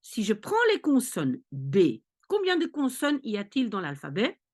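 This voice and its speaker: A woman's voice: mid-range voice, wildly swooping pitch, a little slow. A woman tutoring maths, explaining patiently step by step and checking in often with her listeners. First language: Dutch. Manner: patient, repeats checks like "ok?" and "d'accord?". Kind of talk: explanatory lesson.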